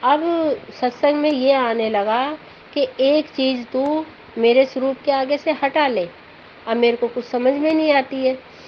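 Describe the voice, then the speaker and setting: A woman's voice: high-pitched, measured pace. A middle-aged woman earnestly telling a rambling, emotional devotional testimony about her husband. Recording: dull lo-fi audio with faint background noise.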